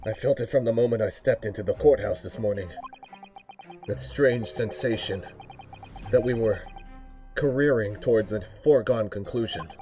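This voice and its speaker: A man's voice: lowish voice, normal speed, warm tone, faint music behind, voice pushed down. A man voicing a young male defense lawyer in a game playthrough, speaking into a cup so his voice sounds muffled and hollow. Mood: grave. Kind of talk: fan voice-over of a game playthrough.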